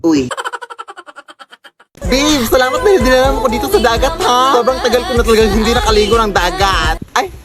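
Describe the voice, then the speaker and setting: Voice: medium pitch, animated, brisk, long pauses. A comedy sketch performer switching between characters with exaggerated comic delivery. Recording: loud background music.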